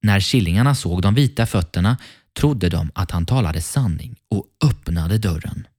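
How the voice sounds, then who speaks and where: A man hosting a children's story podcast, narrating a fairy tale in a friendly, gently paced storytelling voice. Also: sits low, animated, no echo, clean studio sound. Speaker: storyteller host.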